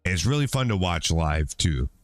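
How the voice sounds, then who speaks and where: A man's voice: low voice, very animated, moderate pace, dry recording, studio quality, faint music behind. A middle-aged man chatting casually while streaming a game, rambling and swearing offhand. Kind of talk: casual chat while gaming.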